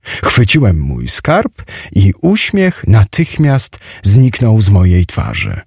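A man's voice: on the low side, wildly swooping pitch, slow, creaky, a little mellow, husky, no room sound, studio quality. A man narrating a children's story as an audiobook reader, in a playful storytelling manner. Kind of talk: scripted narration.

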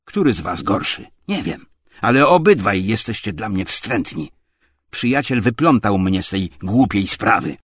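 A man voicing an idle gentleman who answers curtly and indignantly with a raised voice. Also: lowish voice, sing-song, a little slow, slightly rough, no echo, studio quality, heavily acted. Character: idle gentleman, cool at first, then trembling with rage.

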